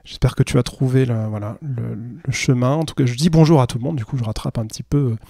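A male streamer reading a literary passage in a measured, even way, then chatting casually with his viewers. His voice is mellow and warm, at a middle pitch for a man. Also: creaky, slightly rough, no room sound, studio quality. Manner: measured reading; chat full of fillers. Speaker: streamer and reader.

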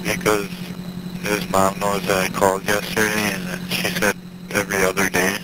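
A man with a flat, lowish voice talks casually on a payphone call from jail. His replies and questions are short and plain. Heavy hum and noise run through the line. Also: moderate pace. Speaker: jail inmate on a phone call. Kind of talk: casual phone chat. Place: jail phone. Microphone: telephone handset.

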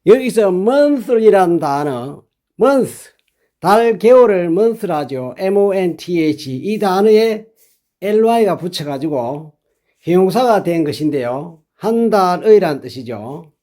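A man with a notably high voice leads an English lesson. He speaks unhurriedly, explaining each phrase step by step and saying it again slowly so learners can repeat after him. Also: lively intonation, dark tone. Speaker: English teacher.

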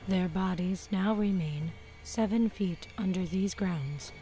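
A woman voicing a calm, helpful female computer AI that speaks in a slow, even, polite way. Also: on the low side. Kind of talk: fan film acting. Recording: loud music underneath.

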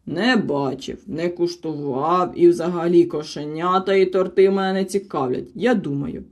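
A woman's voice: fairly low pitch, normal speed, a little mellow, lightly acted. A woman voicing a grumpy, self-important elderly male muskrat who grumbles peevishly. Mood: grumbling.

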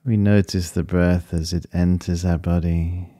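A man leading a guided breathing meditation in a calm, soothing, unhurried way, with short phrases and long pauses. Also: low-pitched, no echo, studio quality.

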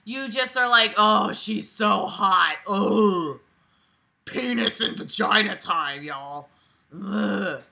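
Her mid-range voice is gravelly and sharp, and she reads at a slow pace. This woman in her twenties is lying on a bed in a small bedroom, breaking into sarcastic, exasperated, profane commentary as she mocks the text aloud.

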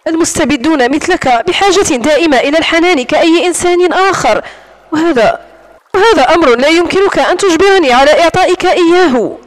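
A woman's voice: extremely high pitch, lively intonation, quick pace. A woman voicing a proud, defiant young woman held captive in an audiobook, speaking with scorn. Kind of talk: audiobook narration.

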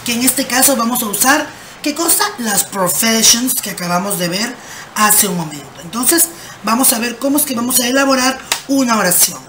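Her voice is a little high and animated as she patiently teaches English grammar in a slow, explanatory way. She asks herself rhetorical questions and answers them, reading each English example slowly and clearly over faint background noise.

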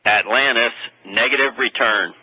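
A man's voice: medium pitch, unhurried, bright, forceful tone. A man at mission control giving short calls to the crew over a distant, crackly space radio link. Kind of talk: clipped air-to-ground radio calls. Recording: noisy radio transmission from far off.

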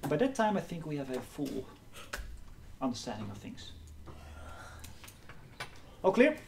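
A middle-aged university lecturer giving a live physics lecture in a hall, lively and often checking in with the class. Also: male voice, on the high side, measured pace, gravelly, background noise. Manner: lively, asks the class questions.

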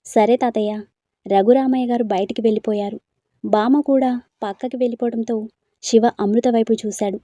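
A woman telling a story as scripted narration, in a steady, even manner. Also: a little high, a little fast, no echo.

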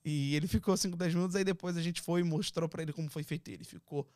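A young Brazilian man with a fairly high voice tells a story in a relaxed chat. He recalls a prank with laughter, and his voice sounds dry and close, with no room around it. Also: racing, dry recording. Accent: Brazilian Portuguese. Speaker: podcast guest.

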